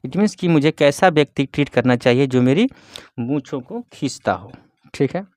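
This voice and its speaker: A man teaching English grammar, reading a story slowly word by word and explaining each part, often asking and answering his own questions. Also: mid-range voice, animated, a little mellow, no echo, clean studio sound. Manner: reads English words slowly one at a time, then explains. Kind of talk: bilingual grammar lesson reading a story aloud.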